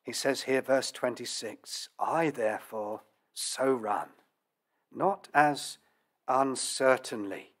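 Middle-aged pastor, slow deliberate sermon delivery, earnest, lectern mic in a church hall. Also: male voice, mid-range voice, fairly bright tone. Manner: measured, earnest preaching with rhetorical questions. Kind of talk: expository sermon.

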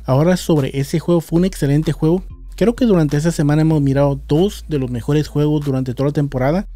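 A man in his thirties hosting a basketball vlog, calmly running through results and standings in a steady, methodical way, close to a studio mic in a small room. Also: on the high side. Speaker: basketball channel host. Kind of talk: sports news vlog. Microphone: studio mic on boom in front of face.

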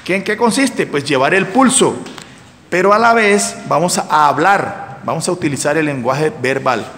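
A man's voice: a little high, expressive, normal speed, a bit bright, a little hiss or hum. Man teaching percussion in echoey hall. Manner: counts out rhythms and chants syllables with the class. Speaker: music instructor. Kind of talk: percussion class instruction. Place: community hall. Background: drums and percussion playing.

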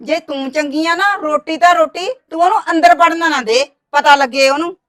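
A woman's voice: high voice, moderate pace, fairly bright tone. An actress playing a sly, meddling village woman who stirs up trouble, speaking. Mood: wheedling. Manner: wheedling, reports others' words. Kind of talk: village drama dialogue.

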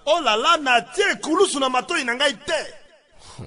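A man playing a brash, hot-tempered church interpreter, shouting as he mistranslates and threatens. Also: very high voice, a little slow, exaggerated voice. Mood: cheeky. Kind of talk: sketch comedy acting.

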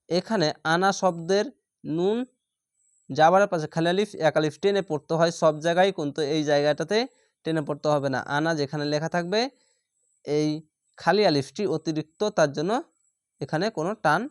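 A man teaching Quran reading, sounding out each letter and syllable slowly and patiently in a step-by-step lesson. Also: a little high, clear, resonant tone, no echo, studio quality. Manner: slow, drawn-out syllable-by-syllable recitation.

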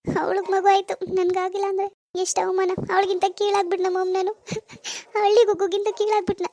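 A woman's voice: extremely high pitch, completely flat delivery, normal speed, a little mellow. A woman voicing a tearful young married daughter in a cartoon, complaining and full of self-pity. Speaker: grieving daughter. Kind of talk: cartoon voice acting.

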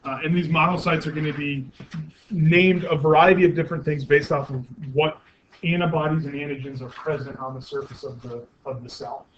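A man's voice: a little high, steady tone, a little fast. A man giving a university anatomy lecture, explaining step by step with many fillers and self-corrections and asking the class questions. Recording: muffled lo-fi classroom recording with faint noise.

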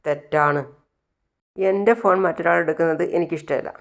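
A woman voicing a defensive, quick-tempered young husband caught out by his wife. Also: fairly high pitch, fairly even intonation, vocal fry.

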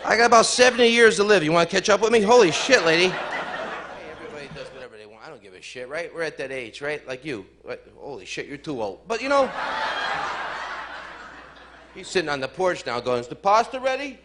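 A brash, profane man does a stand-up set in a comedy club, teasing the crowd in a slightly high voice and talking fast. It's a live club recording with room noise.

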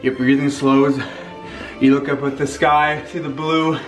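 A young man narrating his travel vlog with excited energy, partly outdoors in winter and inside a sauna. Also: mid-range voice, unhurried. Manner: enthusiastic, excitable, shouts and laughs in the cold. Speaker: travel vlogger. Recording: vlog with clear background music.

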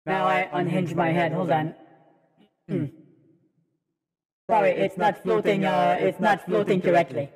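A man in his thirties streaming a game live over a headset mic, excitable and swearing as he reacts and talks to his chat. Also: high-pitched, unhurried, long pauses, soft background music. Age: 30s. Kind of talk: gaming livestream commentary. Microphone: livestream headset mic.

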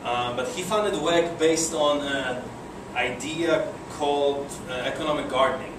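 A young Polish-accented man is the guest speaker at a breakfast meeting, giving a casual talk to a seated audience in a conference room. His fairly high voice moves at a measured pace, and he sounds hesitant, with many fillers and restarts. The room is echoey, he is far from the mic, and air conditioning hums.

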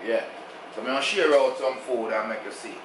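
The host, a middle-aged Jamaican man, runs a casual cooking channel from his home kitchen, addressing a camera on the counter conversationally and mixing in patois. He speaks at medium pitch and fairly quickly. The sound is roomy and the audio poor, with slight background noise.

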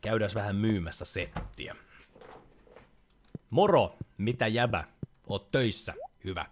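A man's voice: lowish voice, slight background noise. A young man giving casual let's-play commentary, chatty and joking as he reads game lines aloud. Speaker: gaming YouTuber.

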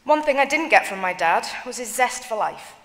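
A woman reading written family tributes aloud at a funeral service, in a measured, solemn way. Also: on the high side, lively intonation. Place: church. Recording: long church reverb.

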